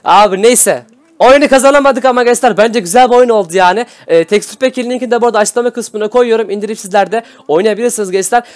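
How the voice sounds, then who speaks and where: A young man from Adana giving excitable, slangy live commentary over a video game for his channel's viewers. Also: high-pitched, fast. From Adana, Turkey. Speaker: gaming YouTuber.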